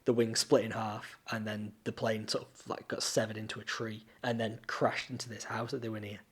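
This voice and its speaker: A man's voice: lowish voice, flat delivery, fairly quick, breathy edge. Rambling man telling stories. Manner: rambling storyteller with many restarts. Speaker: podcast co-host. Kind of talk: casual chat.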